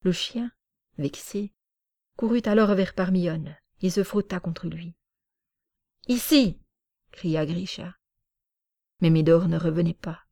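Slow, low-voiced woman narrating a story. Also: creaky, warm tone, no room sound, studio quality. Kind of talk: audiobook narration.

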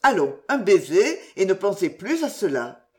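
A woman's voice: medium pitch, very animated, moderate pace, lightly acted. A woman voicing a blunt, stubborn young athlete who answers curtly. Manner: curt and matter-of-fact.

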